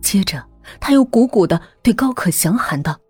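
Husky-voiced woman narrating a suspense audiobook. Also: mid-range voice, lively intonation, faint music behind. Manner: measured, hushed storytelling that drops to a near whisper.

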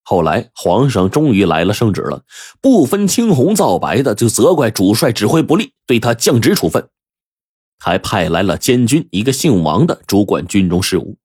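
Male storyteller, deep, husky, very lively delivery, close dry mic. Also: moderate pace, no echo. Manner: lively, expressive, colloquial. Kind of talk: traditional storytelling narration.

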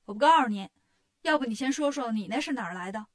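A woman's voice: fairly high pitch, lively intonation, quick pace. A woman voicing a boastful, cheeky male monkey king hero in a storybook tale, teasing and playful. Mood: cocky. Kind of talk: storybook character voice.

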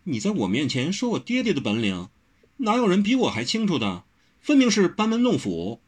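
A man voicing a proud, spirited young woman in a martial-arts story, teasing and quick-tempered. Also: a little high, wildly swooping pitch, slightly rough, pitched above the performer's own voice, full character voice.

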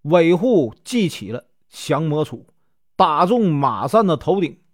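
Chatty man telling a legend, lively voice. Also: a little high, unhurried, no echo, studio quality. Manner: chatty, lots of filler particles. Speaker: storyteller. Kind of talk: casual folk storytelling of a classic legend.

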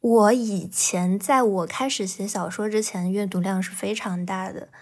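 A woman's voice: mid-range voice, steady tone, moderate pace, a little mellow. Woman, novelist guest, casual podcast talk, reflective, candid. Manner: candid, reflective, laughs between thoughts.

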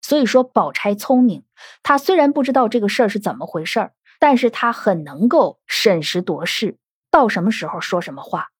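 A woman's voice: mid-range voice, big pitch swings, a little fast, slightly rough, dry recording, studio quality. A woman giving podcast commentary on a classic novel, analytical and full of rhetorical questions. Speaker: literature commentator.

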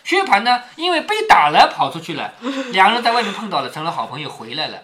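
A man's voice: sits high, wildly swooping pitch, fast talker, a crowd in the background. A man reading a classic novel aloud to his daughter, stopping often to explain it in a chatty way with frequent tag questions.

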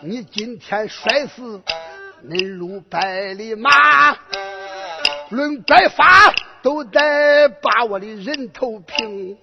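A man with a Henan accent voicing a brash, foul-mouthed warrior uncle who shouts and curses. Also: very high voice, lively intonation, drawn-out words, vocal fry, over music, full character voice. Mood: lamenting. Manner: coarse, shouting, cursing. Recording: echoey lo-fi hall recording.

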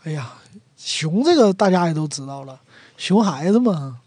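A speaker from Northeast China, explaining dialect words in a chatty Northeastern Mandarin accent at an ordinary, middle pitch. The sound is close and dry, with almost no room around the voice. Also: animated, moderate pace, darkish tone, breathy edge, no echo. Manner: chatty, acts out everyday sample phrases. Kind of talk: casual explanatory talk.

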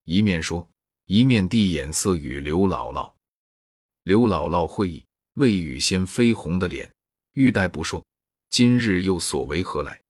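A man narrating a classic novel as a storybook reading, in a steady, measured way. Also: deep voice, husky, no room sound, studio quality.

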